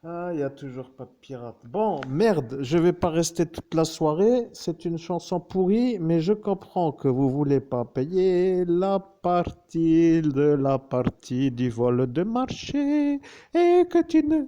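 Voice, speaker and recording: A man's voice: a little high, expressive, slow pace, mellow, lo-fi sound. A man rambling through an absurd live monologue full of wordplay and bursts of laughter.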